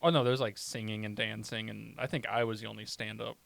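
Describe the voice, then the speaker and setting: A man's voice: fairly low pitch, little pitch movement, fast, creaky, fairly bright tone, dry recording. A man, a stand-up comedian, chatting casually on a podcast, telling rambling stories and swearing often. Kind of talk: casual chat.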